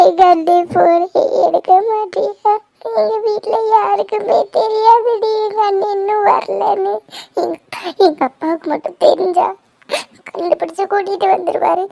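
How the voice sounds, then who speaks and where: A woman's voice: very high voice, normal speed, creaky, few pauses, darkish tone, pitched above the performer's own voice. A woman voicing a tearful young woman in a cartoon who begs her friend to bring her brother home. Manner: sobbing, pleading. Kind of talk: cartoon voice acting.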